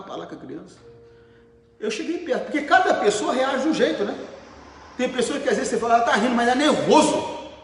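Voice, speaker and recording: A middle-aged Brazilian man preaching a sermon as pastor, talking in an emphatic, conversational way and putting questions to the congregation. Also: sits high. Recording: very echoey hall, faint noise.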